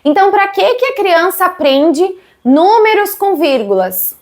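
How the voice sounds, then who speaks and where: A woman in her thirties with a Brazilian Portuguese accent, a literacy educator, explains how literacy is taught and poses questions to her viewers. Her voice is very high-pitched with big swings in pitch, and she speaks a little slowly.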